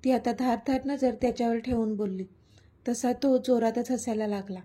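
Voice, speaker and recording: A woman narrates a serialized love story as a scripted storybook reading. Her voice is fairly high, with a warm, breathy tone. She keeps an even, gentle pace. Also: normal speed.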